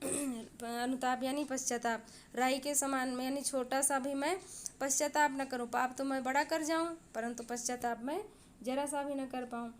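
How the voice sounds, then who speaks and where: A woman's voice: sits high, fairly even intonation, normal speed, a little hiss or hum. A woman teacher explaining a classic Hindi poem line by line, reading verses and then paraphrasing them with frequent fillers. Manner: reads verses aloud, then paraphrases in plain words with many fillers.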